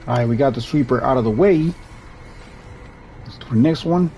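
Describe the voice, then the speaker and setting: Speaking at normal speed in a warm, mid-range voice, this young Puerto Rican man comments casually on his gameplay as a streamer. He has a Puerto Rican Spanish accent and speaks Spanish natively, rambling easily and often starting sentences over, with a little hiss or hum audible.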